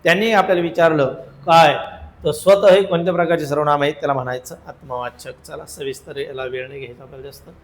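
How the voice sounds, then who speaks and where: A man's voice: fairly high pitch, fairly even intonation, fast, reverberant, low-quality recording. A male teacher giving an exam-prep grammar lesson, drilling answers and repeating lists in a chant-like way.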